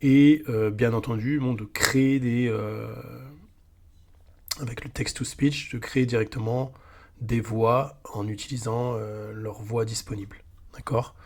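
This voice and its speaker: A man's voice: mid-range voice, darkish tone. Man, tutorial host, informal, hesitant fillers, talks straight to the viewer. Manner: casual, addresses viewer as tu, many fillers. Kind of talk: screen-recorded software tutorial.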